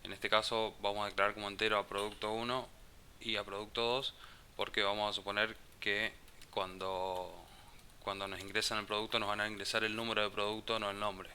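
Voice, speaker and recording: Working through code in a live class, this programming teacher has a low voice with a very bright, forceful yet level tone. His delivery is slow and halting, full of restarted phrases as he thinks aloud, and a faint hiss runs under it.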